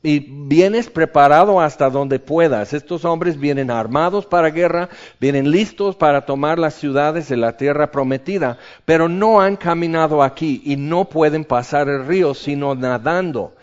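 A man preaches a sermon, his voice sitting a bit higher than most men's. He teaches in a conversational way, pausing on rhetorical questions and adding casual asides. The recording sounds dull and lo-fi.

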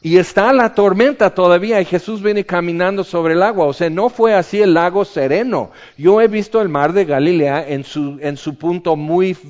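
A man with a voice a bit higher than most men's, and a little mellow, preaches a sermon in a conversational, teaching style. He pauses on rhetorical questions and drops in casual asides, and the recording sounds dull and lo-fi.

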